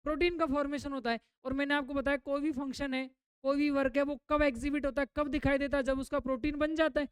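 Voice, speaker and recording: In a dry recording, a female biology teacher lectures quickly in a high, steady voice. She repeatedly quizzes the class, answers her own questions by repeating the responses, and slips English terminology into what she says.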